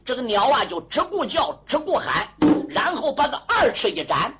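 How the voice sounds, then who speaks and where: Brief: woman folk storyteller, animated spoken and sung narration, wide-ranging pitch, loud drums and strings, dull lo-fi recording. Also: background noise. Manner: animated, rhythmic, sings long drawn-out phrases. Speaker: storyteller and singer.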